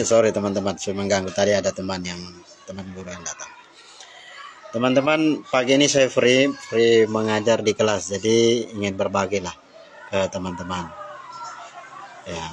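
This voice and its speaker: A man's voice: on the low side, fairly even intonation, measured pace, pauses often, a little hiss or hum, rough recording. A man teaching an informal English lesson, talking with frequent hesitations and switching into English phrases. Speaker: English tutor.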